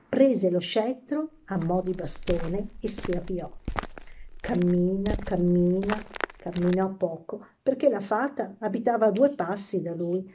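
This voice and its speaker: Slow, mellow woman reading a fairy tale. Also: medium pitch. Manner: slow, expressive narration. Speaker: storyteller.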